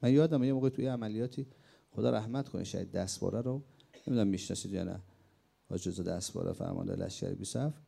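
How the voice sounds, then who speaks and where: A man's voice: low-pitched, gravelly, warm tone, slightly rough. A middle-aged man from Iran preaching a sermon, telling war memories and questioning his audience with emphatic outbursts.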